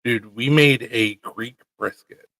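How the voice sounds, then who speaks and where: A man's voice: medium pitch, takes it slowly, creaky, a bit bright, no room sound, low-quality recording. An American man hosting a casual chat show, joking around in a crude, offhand way. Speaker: podcast host.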